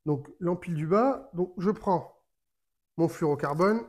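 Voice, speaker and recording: A man giving a casual how-to explanation of a fishing rig, talking while he works with his hands and pausing often with fillers and restarts. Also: on the high side, darkish tone. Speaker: fishing tutorial maker.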